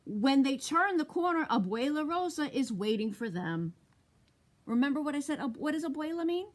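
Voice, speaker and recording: A children's librarian reads a picture book aloud at storytime. Her voice is pitched a little high and swings widely up and down, animated and inviting as she pauses to ask the little ones questions.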